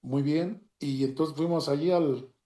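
Halting Mexican man in a roomy echo. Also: a little high, fairly even intonation, warm tone. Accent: Mexican Spanish. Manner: halting, with many restarts and reenacted dialogue. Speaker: storyteller giving a personal testimony. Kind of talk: emotional personal story, casual.

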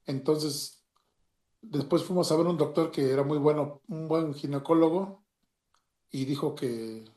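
A man with a Mexican Spanish accent tells a personal story in a halting way, with many restarts and retold dialogue. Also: on the high side, dark tone. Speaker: storyteller giving a personal testimony. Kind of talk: emotional personal story, casual. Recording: roomy echo.

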